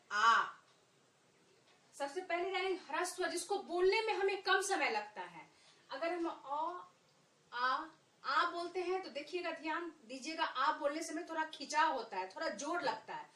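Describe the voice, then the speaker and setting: Slow, high-voiced teacher woman. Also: sharp tone, recorded from a distance. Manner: slow, patient, repeats points and drawn-out vowel sounds. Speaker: Hindi teacher. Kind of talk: online Hindi lesson for children. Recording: echoey room, voice a bit off-mic.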